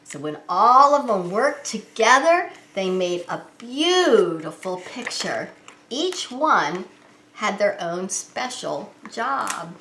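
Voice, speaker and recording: A woman hosts story time as a preschool teacher, reading a picture book to young children and explaining it simply and expressively. Her mid-pitched voice is very animated, bright, and forceful, delivered slowly in an echoing indoor room.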